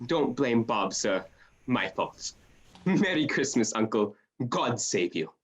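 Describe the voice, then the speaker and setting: Playing a warm, earnest young gentleman who is a cheerful nephew, an actor gives a hearty, declamatory radio-play performance. His medium-pitched voice is very animated and friendly, and he takes his lines slowly.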